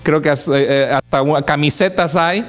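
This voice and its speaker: Fervent male pastor, somewhat high voice. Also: moderate pace. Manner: emotive preaching, asks the congregation rhetorical questions. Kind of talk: sermon.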